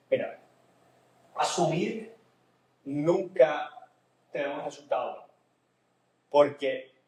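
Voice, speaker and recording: A man from Puerto Rico, a therapist co-hosting a podcast, chats casually in a Puerto Rican Spanish accent tinged with some Nicaraguan. His voice is medium-pitched and darkish, and the recording sounds roomy and echoey.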